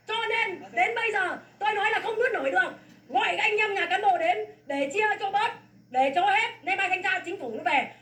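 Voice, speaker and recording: A woman's voice: very high voice, a bit bright. A woman from Vietnam, a farmer making an angry public complaint in a fierce, scolding, repetitive tirade. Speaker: farmer protesting land seizure. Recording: echoey, from far off the mic.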